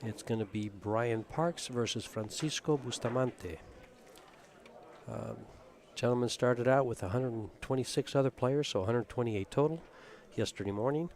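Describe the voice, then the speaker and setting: A relaxed man calls a pool match in a chatty, knowledgeable way, his voice sitting in an ordinary middle register. He talks through the shots like a seasoned commentator, with no fuss. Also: mid-range voice, moderate pace. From Tucson, Arizona. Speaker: play-by-play commentator.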